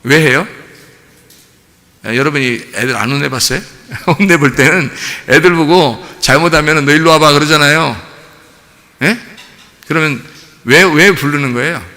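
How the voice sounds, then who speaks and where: A man preaching a sermon as pastor in a church, lively and conversational, acting out little scenes as he goes. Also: on the high side, moderate pace, pauses often. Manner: animated preaching, acting out a parent and child with laughs. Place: church sanctuary. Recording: long reverb of a church hall.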